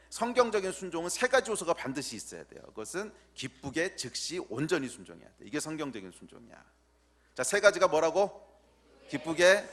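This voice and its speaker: A male pastor preaching a sermon, teasing and quizzing the children in the pews and slowly repeating key words for emphasis. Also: a little high, a bit bright.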